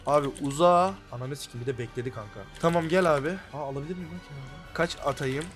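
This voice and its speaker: A young man narrates his own gameplay as it happens, excitable and swearing nonstop, breaking into sudden loud outcries. His voice sits a little high for a man. Faint music plays underneath. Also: fast. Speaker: gaming YouTuber. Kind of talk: live gameplay commentary.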